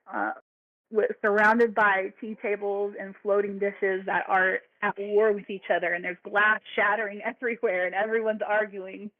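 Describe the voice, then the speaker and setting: A woman's voice: mid-range voice, no echo. A woman narrating a tabletop game as dungeon master, playful and laughing, with frequent fillers. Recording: dry, phone-like sound.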